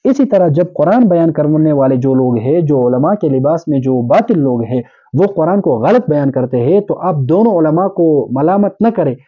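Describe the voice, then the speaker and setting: A man's voice: on the high side, animated, husky, lo-fi sound. A man delivering an earnest sermon, exhorting listeners and explaining with everyday examples. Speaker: Islamic preacher. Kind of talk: urdu sermon.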